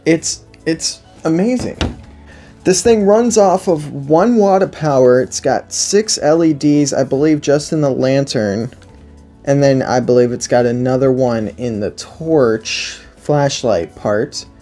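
With faint music behind him, a man in his twenties speaks slowly in a mellow, mid-range voice during a casual, unscripted product review. He's indoors at a table before a backdrop, enthusiastic and emphatic, and repeats himself a lot.

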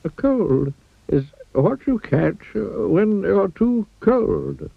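A man voicing a wise old male wizard who speaks slowly, hesitates and brushes things off. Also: high voice, very animated, vocal fry, husky, no echo, voice pushed up, full character voice. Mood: explaining. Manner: slow, hesitant and dismissive. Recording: dull lo-fi old TV soundtrack.

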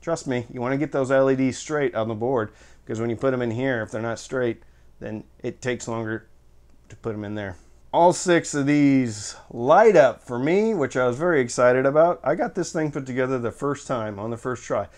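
A man's voice: medium pitch, normal speed, a little mellow. A man hosting his own channel, casually reviewing audio equipment with joking asides and step-by-step explanations. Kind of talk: casual product review to camera.

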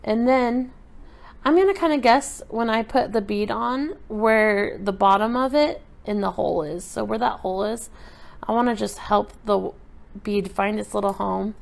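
A woman giving a relaxed, chatty step-by-step craft tutorial while she works with her hands at a table indoors. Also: mid-range voice, moderate pace, creaky. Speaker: craft instructor.

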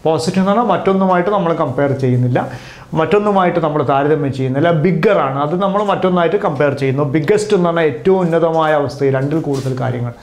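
A man's voice: on the high side, racing, darkish tone. A man teaching an English grammar lesson, patiently repeating and drilling each word form. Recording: roomy echo.

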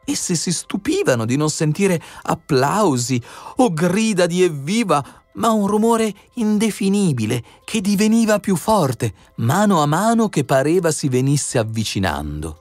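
Expressive male storyteller, higher voice. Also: a little slow, dry recording, soft background music. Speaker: audiobook narrator. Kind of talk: scripted fairy-tale narration.

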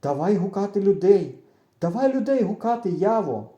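A whiny, scared young village boy, his pleas lifting high and wobbling with feeling, as a man puts him on while reading aloud. The tone stays dark and mellow underneath. It rings in an echoey room. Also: expressive, normal speed. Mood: pleading. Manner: pleading, tearful.

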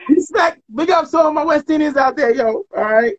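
Talking a little fast in a very high-pitched voice, the Trinidad and Tobago-born artist, middle-aged, keeps the conversation easygoing and slangy, telling stories and laughing frequently. He's on a video call webcam at home, walls painted around him, and the audio comes through dull.

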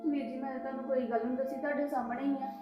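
An actress playing a meek young daughter-in-law who pleads and defends herself. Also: female voice, sits high, level tone, racing, muffled recording, lightly acted. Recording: roomy echo. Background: music.

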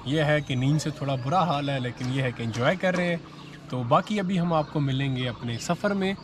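A man's voice: a little high, brisk. A man with a Pakistani Urdu accent chatting playfully outdoors as a travel companion on a casual vlog. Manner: joking, playful. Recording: clear street and traffic noise.

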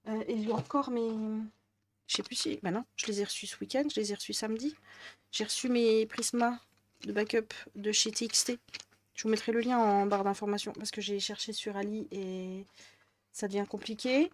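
A chatty woman with a northern French accent rambles through her crafting vlog. Her talk is loose and full of fillers and restarts, in an easy, mid-pitched voice. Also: steady tone, moderate pace, slight background noise. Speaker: crafting vlogger. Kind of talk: casual chat.

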